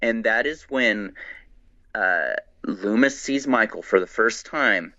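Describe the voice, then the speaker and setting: A man guesting on a podcast, chatting excitedly and rambling with many restarts. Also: on the low side, slow pace, dry recording, muffled recording. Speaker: guest, horror writer. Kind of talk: casual podcast chat.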